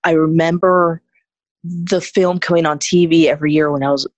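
A woman's voice: deep voice, steady tone, moderate pace, dry recording. A woman chatting casually as an interview guest, effusive and gushing as she talks. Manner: gushing, effusive about films. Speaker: podcast guest, horror hostess.

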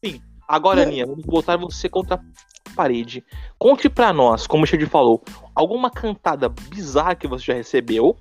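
Male podcast co-host, rapid and rambling, self-mocking humor, faint music underneath. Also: a little high, sing-song. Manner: joking, self-deprecating, fast and rambling. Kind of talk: casual podcast chat.

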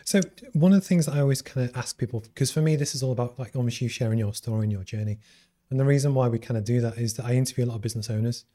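A man with a light Scouse accent hosts a live-streamed business interview. He talks quickly and rambles, with plenty of fillers and a mellow, darker voice. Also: mid-range voice. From Liverpool, England. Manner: rambling, uses many fillers. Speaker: interview host.

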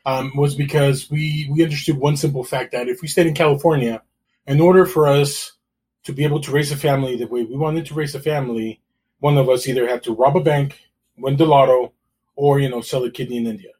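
A middle-aged man from El Salvador, a realtor who is a guest on an interview, telling his story in a relaxed way with dry, self-deprecating humor. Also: mid-range voice, fairly quick, slightly rough.

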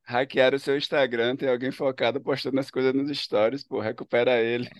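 Jokey Bahian podcast host, dry sound. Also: male voice, mid-range voice, a little fast, no echo. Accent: Bahian Brazilian Portuguese. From Ilhéus, Bahia, Brazil. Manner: jokey, laughing, relaxed. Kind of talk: casual podcast chat.

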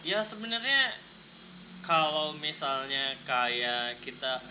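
A man's voice: a little high, sing-song, slow pace, background noise. A young man hosting a casual podcast, joking and swearing playfully, mixing in English phrases. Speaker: podcast host.

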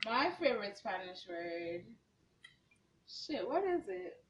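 A woman's voice: mid-range voice, big pitch swings, takes it slowly, a bit bright, highs cut off, slight background noise. A woman chatting casually as a podcast guest, blunt and teasing with plenty of swearing. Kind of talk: casual banter.

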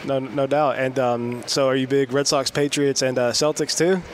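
A man's voice: mid-range voice, steady tone, normal speed, a little hiss or hum. A man co-hosting casual sports chat, agreeable and often interjecting. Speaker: talk show co-host.

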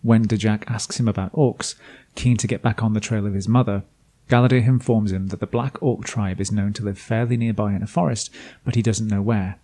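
A man narrates a scripted tabletop campaign recap as game master. His voice is low, mellow and a bit husky. He drops in dry, self-deprecating asides along the way. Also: fairly even intonation, brisk. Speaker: game master and podcast host.

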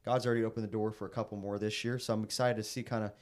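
Young preacher telling a story, laughing. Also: male voice, fairly low pitch, very fast. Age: young adult. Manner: animated storyteller, laughs at his own tale. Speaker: traveling evangelist preacher. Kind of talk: casual storytelling in a podcast conversation.

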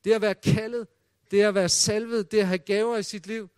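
A man preaching a sermon in a high, light voice, telling the old stories with drama. He drops almost to a hush when he quotes the voices in them. The sound is dry and close, with no room echo. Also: flat delivery, clear, resonant tone.

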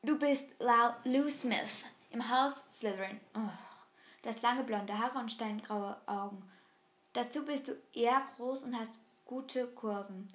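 A woman with a slightly raised voice talks through an online quiz in a loose, casual way. She hesitates, restarts and fills pauses as she thinks aloud. When the text gets long she skims it with a quick murmur. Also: a little high. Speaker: vlogger taking an online quiz. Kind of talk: casual chat reading quiz questions aloud.

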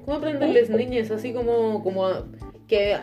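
A young woman with a Chilean accent, playful and expressive in a casual chat among friends, often laughing. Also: fairly high pitch, normal speed, muffled recording, faint music behind.

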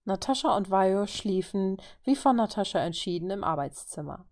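A woman's voice: mid-range voice, lively intonation, moderate pace, darkish tone. A woman reading a story aloud as narrator, lifting her voice for each figure's lines. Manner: reads all figures in turn, lifting her voice for dialogue. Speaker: reader.

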